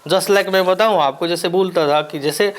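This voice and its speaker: A male actor from Bihar, India, whose native language is Maithili, has a voice that sits high. He answers interview questions reflectively and at a measured pace, stopping frequently.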